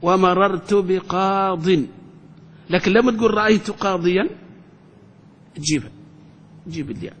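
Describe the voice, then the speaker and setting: A man, a sheikh teaching a classroom grammar lesson who keeps quizzing the class and slowly draws out his example phrases. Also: expressive, husky. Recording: reverberant hall with faint rumble.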